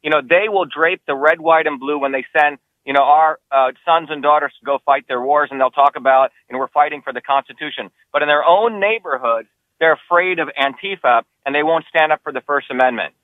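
A man from New Jersey makes his case as a political candidate, pressing each point emphatically, his voice a bit high. The sound is thin and tinny, like a phone line, with no room echo. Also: brisk. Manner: emphatic, insistent, rising pitch when heated. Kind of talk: campaign interview answers.

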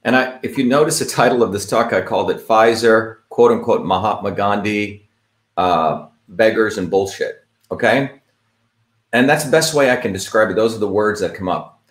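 A man's voice: lowish voice, moderate pace, echoey room. A man from India giving a rambling, emphatic lecture-style talk, full of fillers and "quote unquote" asides. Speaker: host of an online talk.

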